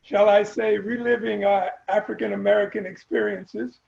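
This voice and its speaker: Older man, high gravelly voice. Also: flat delivery, moderate pace, darkish tone, roomy sound, dull audio. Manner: wry, joking, addresses the group directly. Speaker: alumnus guest. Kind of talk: casual reminiscing.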